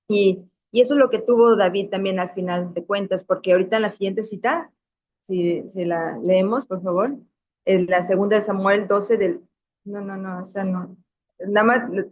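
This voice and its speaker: A middle-aged woman, a religious sister, teaching a Bible class in a chatty, anecdotal way, full of restarts and tag questions. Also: mid-range voice. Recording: dull, muffled lo-fi sound.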